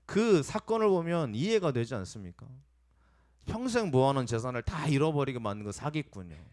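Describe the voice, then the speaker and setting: A male pastor delivers his sermon in a chatty, direct way, asking his congregation questions. His voice rises and falls widely, and he sometimes bursts into acted-out shouts. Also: medium pitch, very animated, brisk. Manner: conversational preaching, asks the congregation questions and acts out angry shouts. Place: church sanctuary.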